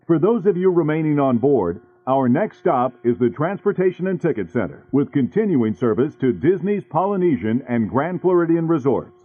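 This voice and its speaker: A man's voice: on the high side, very animated, normal speed, few pauses, faint music behind. A man giving a lilting recorded train station announcement of the next stop, as a transit announcer. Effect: recorded train station announcement over a loudspeaker. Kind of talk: lilting public announcement of stops. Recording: tinny phone-like loudspeaker recording.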